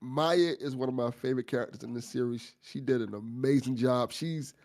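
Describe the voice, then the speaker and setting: Speaking at a fairly quick pace in a mid-range, somewhat mellow voice, a man leads a fiction podcast's casual after-show talk. His praise comes out effusive and informal, lightly sprinkled with swearing.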